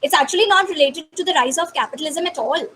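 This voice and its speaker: A woman's voice: high-pitched, quick pace, fairly bright tone, low-quality recording. A woman, a guest lecturer giving thoughtful answers in a webinar Q&A over a video call.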